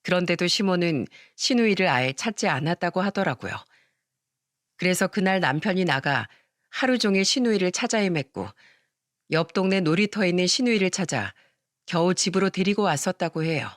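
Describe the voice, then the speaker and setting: A woman narrating a first-person family story in a storytelling radio show, in an even, confiding way. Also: lowish voice, a little fast, dry recording, clean studio sound.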